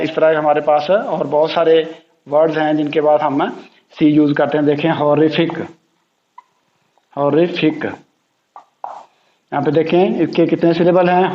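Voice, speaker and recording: A man teaching English spelling rules, patiently repeating each rule and example word. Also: a little high. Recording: echoey room, dull lo-fi sound.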